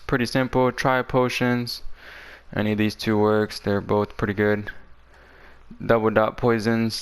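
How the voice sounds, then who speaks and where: A man's voice: on the low side, fairly bright tone, clear, resonant tone. A man talking casually and in slang as he presents a game build guide, his voice a little parched from being sick. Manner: informal, slangy talk.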